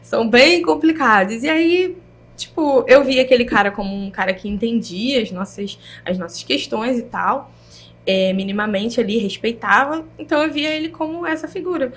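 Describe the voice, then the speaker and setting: Young woman, Brazilian Portuguese accent, high voice, lively slangy storytelling, interview guest. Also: moderate pace. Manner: lively, chatty, full of slang fillers.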